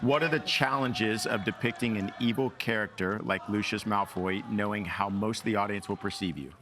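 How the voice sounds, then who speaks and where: A man co-hosting a studio talk show, reading out questions and chatting in a quick, easy way. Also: lowish voice, noisy background. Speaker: co-host. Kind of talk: casual chat.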